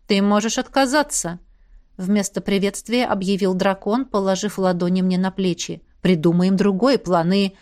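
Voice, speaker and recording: A woman reading the lines of a calm, protective male dragon emperor, quieter and lower than her narration. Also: normal speed, lightly acted. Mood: concerned.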